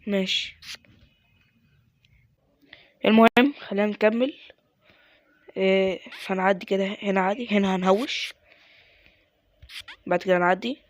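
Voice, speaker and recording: A gaming YouTuber with an Egyptian Arabic accent gives casual gameplay commentary, muttering to himself, mocking his own mistakes, and breaking into sudden exasperated outbursts. His high-pitched voice stays steady and unhurried, with long pauses and no echo.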